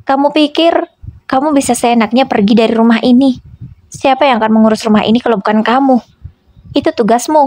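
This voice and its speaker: A woman's voice: on the high side, brisk, a little mellow, natural voice. A woman voicing an angry, domineering husband who scolds his wife in a raised, harsh voice. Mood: angry scolding.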